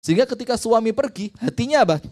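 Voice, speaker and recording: A man preaching a sermon to a women's study group, animated and joking, firing quick rhetorical questions at the audience. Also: extremely high pitch.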